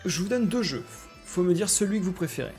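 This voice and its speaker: Joking French-speaking host, slightly high voice. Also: male voice, fast talker, faint music behind. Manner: relaxed, joking, guiding the game. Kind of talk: casual video-call chat.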